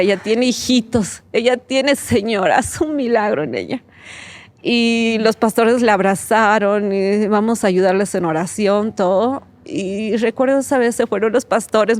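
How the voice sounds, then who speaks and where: A woman, a podcast guest telling her personal faith testimony with heartfelt emotion and nervous laughs. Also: mid-range voice. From Bolivia. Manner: heartfelt storytelling, acts out the words of others.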